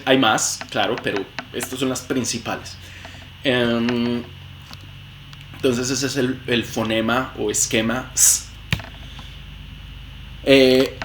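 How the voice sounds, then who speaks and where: A man giving a phonetics lesson, explaining at length, repeating example words aloud and correcting himself along the way. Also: medium pitch. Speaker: phonetics teacher. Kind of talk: lecture. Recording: echoey room with faint ambient noise.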